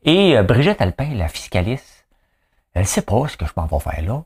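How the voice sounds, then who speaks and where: A man's voice: fairly low pitch, sing-song, normal speed, breathy edge. A man with a Quebec French accent talking to the camera in a rambling, joking, self-mocking way. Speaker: vlogger. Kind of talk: casual solo commentary to camera. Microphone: camera mic.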